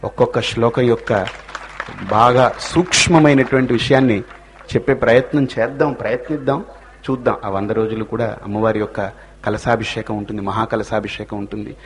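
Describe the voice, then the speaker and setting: A man's voice: medium pitch, steady tone, a little fast, a little hiss or hum. A man giving a spiritual discourse, telling stories with rhetorical questions and rising emphasis. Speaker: religious speaker.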